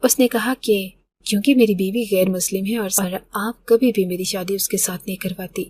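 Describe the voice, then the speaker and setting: A man's voice: sits high, steady tone, a little mellow. A woman voicing her grown son, who speaks in a curt, dismissive way. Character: grown son, brusque and defiant.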